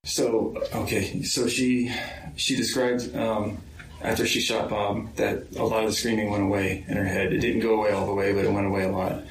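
A man with a low, flat voice speaks slowly in an interview, stopping often with ums as he recounts events. He sits some way from the mic in an echoey room, with a faint hum of room noise underneath. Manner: hesitant, slow, many ums. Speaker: interviewee, victim's son. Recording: roomy far-off interview mic.

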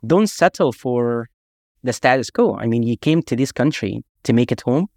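A man from Egypt, a guest author telling emphatic, animated anecdotes in a casual interview. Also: mid-range voice, moderate pace, creaky, dry recording, clean studio sound. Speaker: guest, author and army veteran.

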